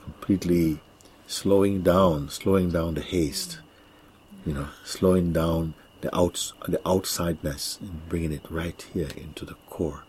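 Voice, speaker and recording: A low-voiced man gives intimate spiritual guidance like a mystical healer. His delivery is airy, breathy and meditative, dropping into a slow hush. A faint noise sits behind the voice. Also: steady tone. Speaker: spiritual teacher.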